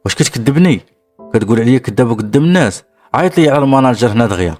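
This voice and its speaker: Male narrator doing a cunning young Moroccan woman, brash and quick-tongued, low voice, rapid delivery. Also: animated, faint music behind. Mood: indignant. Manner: loud, indignant complaining. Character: scheming young woman, bold and sharp-tongued.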